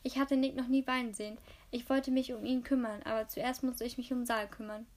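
A woman's voice: on the high side, a little mellow. A woman reading a novel aloud in first person, with small slips and restarts. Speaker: reader. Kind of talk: amateur audiobook reading.

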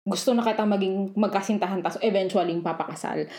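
A woman's voice: mid-range voice, quick pace, dark tone. A woman with a Filipino accent co-hosting a podcast in casual, slangy, playful chat full of exclamations. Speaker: podcast co-host.

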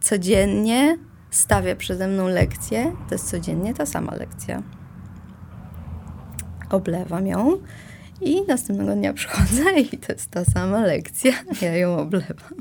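A woman's voice: mid-range voice, very animated, a little slow, vocal fry, noisy background. A woman in casual conversation, talking reflectively and self-mockingly, with many hesitations and small laughs.

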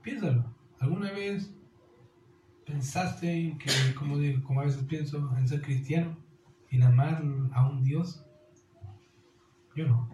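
A man's voice: on the high side, a little slow, long pauses, mellow, echoey room, slight background noise, low-quality recording. A man preaching a sermon as pastor, earnest and direct, often calling listeners "querido".

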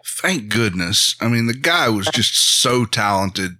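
A man co-hosting a podcast, telling stories in a casual, animated way and laughing along. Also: lowish voice, a little slow. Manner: animated storytelling, laughs at his own stories. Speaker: podcast co-host. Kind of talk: casual chat.

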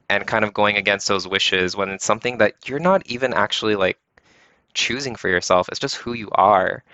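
A man with a low, bright and crisp voice speaks earnestly and reflectively, often pausing on "like". The sound is dry and dull, as if from a lo-fi call. He talks in a relaxed discussion tone. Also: no room sound. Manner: earnest, reflective, many "like" fillers. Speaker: panel guest. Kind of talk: casual discussion.

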